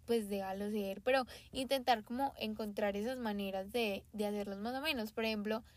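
A woman co-hosting a podcast, telling personal stories in a relaxed, casual way with many fillers. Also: medium pitch, fairly quick, no echo. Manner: relaxed storyteller, leans on "literal" and "o sea". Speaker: podcast co-host.

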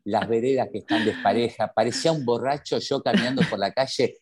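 A man's voice: mid-range voice, brisk, breathy edge. A man with an Argentine accent, a guest telling his personal story with emphatic rhetorical questions. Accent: Argentine Spanish. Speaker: interview guest.

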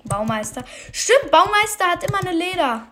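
Excitable high-voiced woman gaming. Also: moderate pace, noisy background. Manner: excitable, swears and mutters at the game. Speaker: gamer commentating her play. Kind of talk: casual gaming commentary.

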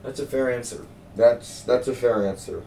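A man's voice: medium pitch, moderate pace, gravelly, warm tone, slight background noise. A young man hosting a podcast in casual chat, rambling with lots of fillers. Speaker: podcast host. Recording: roomy sound, mic at a distance.

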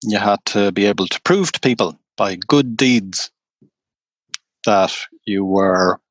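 A man, a tour guide, telling stories slowly and unhurriedly in an interview. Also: fairly low pitch, no room sound. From Ireland. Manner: slow, unhurried anecdotal telling. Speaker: tour guide and storyteller guest. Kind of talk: conversational storytelling interview.

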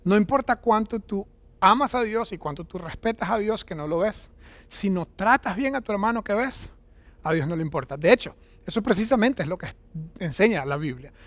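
A man's voice: high-pitched, expressive, normal speed, fairly bright tone, dry recording. A man in his thirties preaching a sermon in a conversational, storytelling way, often checking in with his listeners. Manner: conversational, anecdotal, frequent "¿verdad?" tag questions. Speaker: pastor.

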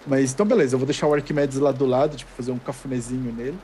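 A man playing a tabletop game, describing his moves in quick run-on phrases. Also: medium pitch, steady tone, dark tone, a little hiss or hum. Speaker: player. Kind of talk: casual game chat.

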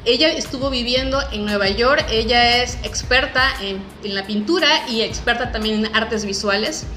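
A woman's voice: on the high side, normal speed, bright, forceful tone, echoey room, faint music behind. A woman with a Mexican accent, presenting and interviewing as a chatty, emphatic podcast host.

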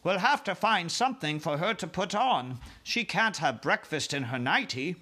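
A man putting on a high-pitched, regal storybook Queen. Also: expressive, normal speed, bright, forceful tone, exaggerated voice. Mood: composed. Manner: regal, polite, formal. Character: dignified, composed, gracious Queen, a grown woman. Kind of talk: children's storybook read aloud.

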